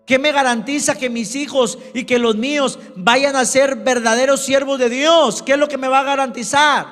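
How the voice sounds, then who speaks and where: A man's voice: very high voice, fairly bright tone, long reverb tail. A man preaching a sermon as pastor, emphatic, who keeps calling out to his congregation. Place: church.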